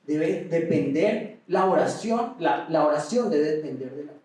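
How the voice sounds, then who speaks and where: A man preaching a sermon with passion, at times raising his voice almost to a shout. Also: fairly high pitch, animated, unhurried. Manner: impassioned preaching, rising to near shouts at times. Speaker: pastor. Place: large echoey auditorium. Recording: echoey hall, mic at a distance.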